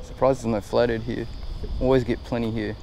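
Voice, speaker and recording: An Australian man giving chatty, excitable commentary while fishing from a small boat on a river, recorded on an action camera. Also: mid-range voice, a little fast, vocal fry, background noise. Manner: chatty and excitable, laughs often. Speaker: fishing vlogger.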